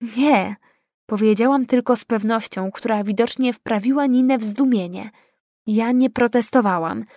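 A woman reading a first-person audiobook in a measured, dramatic delivery. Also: a little high, dark tone, no echo, clean studio sound. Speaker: audiobook narrator.

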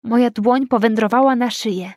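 Give me a woman narrating an audiobook in a measured, dramatic way, with a slightly high, dry voice. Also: darkish tone, dry recording. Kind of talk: first-person audiobook narration.

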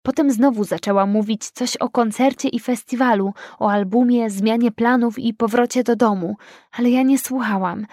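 A woman reading a first-person audiobook in a measured, dramatic delivery. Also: fairly high pitch, steady tone, a little mellow, no echo, clean studio sound. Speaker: audiobook narrator.

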